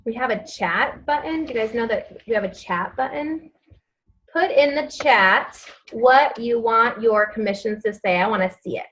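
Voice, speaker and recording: A direct-sales team leader runs a live online training for her team, speaking at a normal speed with a fairly high, fairly bright voice over poor audio. She's chatty and upbeat, uses plenty of fillers, gives step-by-step instructions, and repeats key phrases.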